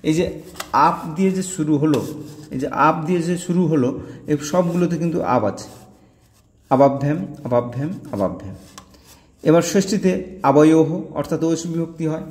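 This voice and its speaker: A man with a fairly high voice explains a grammar lesson, patiently repeating each word ending as a drill. His voice carries a long reverb, as if recorded in a bare, echoing room. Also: fairly even intonation, brisk, darkish tone. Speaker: teacher.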